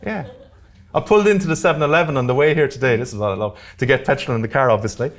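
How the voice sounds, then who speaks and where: In a community centre meeting room, a man from Ireland races through a grants workshop in a mid-range voice. His style is direct and practical, with joking asides and check-ins to make sure the live audience keeps up.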